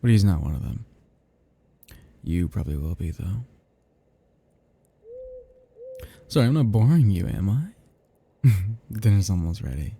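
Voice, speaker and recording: A man performs a male vampire for intimate roleplay ASMR, his very dark, velvety voice low, soft and breathy, dropping into whispers with a gravelly creak. Seductive and possessive, he teases his prey with playful menace, lingering slowly, chuckling between phrases and swinging expressively in pitch, in a wry, casual mood. The voice is exaggerated, with slight background noise.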